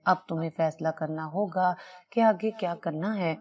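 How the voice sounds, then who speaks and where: A woman's voice: fairly low pitch, dark tone, close to an everyday voice. A woman reading the lines of a stern, blunt middle-aged woman doctor in a storybook tale. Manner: stern, strict.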